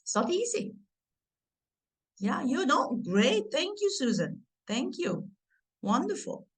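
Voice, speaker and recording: A woman's voice: high voice, big pitch swings, takes it slowly, poor audio. Middle-aged woman, coach, encouraging, talks to her audience, video call. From Turkey, grew up in Germany. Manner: warm, encouraging, interactive with audience. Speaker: career and family coach. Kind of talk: online workshop presentation.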